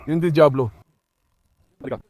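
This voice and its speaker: Isang lalaking nagkukuwento sa mga manonood habang inaalo ang kanyang mga aso. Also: male voice, on the high side, moderate pace, mellow. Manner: talks to viewers and coaxes his dogs. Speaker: dog owner narrating his dogs. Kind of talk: casual vlog commentary.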